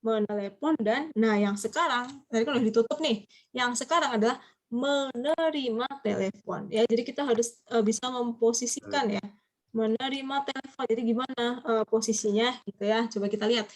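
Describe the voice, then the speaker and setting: A woman's voice: a little high, brisk. A woman from Indonesia teaching a business Japanese class over a video call, explaining patiently and quizzing her students. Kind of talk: online class lecture.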